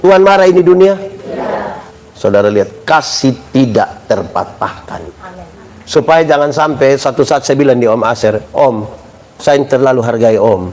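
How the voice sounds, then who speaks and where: A man's voice: mid-range voice, lively intonation, normal speed, darkish tone. A male pastor preaching a live sermon, joking and quizzing his congregation with call-and-response questions. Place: church service. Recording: live church recording with congregation and room noise.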